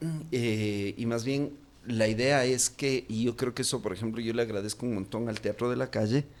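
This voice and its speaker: Man, Quito Ecuadorian accent, mid-pitched, chatty interview guest, hesitant with lots of fillers. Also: steady tone, normal speed. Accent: Quito Ecuadorian Spanish. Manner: rambling, many fillers and restarts. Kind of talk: casual interview talk.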